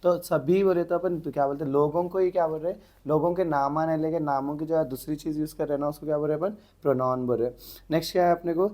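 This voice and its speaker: A man's voice: a little high, steady tone, fast talker, dark tone. A man teaching an exam-prep English grammar lesson, asking the class questions and answering them himself.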